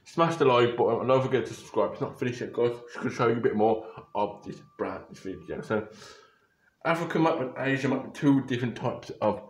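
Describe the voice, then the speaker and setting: This young man talks fairly quickly in a mid-range voice, rambling through a photo-reaction vlog and often correcting himself mid-thought. The recording comes from a webcam or phone camera close by in a small bedroom and has a roomy sound.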